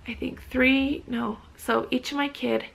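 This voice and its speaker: A woman in her thirties talks casually to camera from her living room sofa, rambling with frequent restarts and ums. Her voice sits a little high and carries a heavy gravelly fry. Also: fairly even intonation, measured pace, low-quality recording. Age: 30s. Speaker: vlogger.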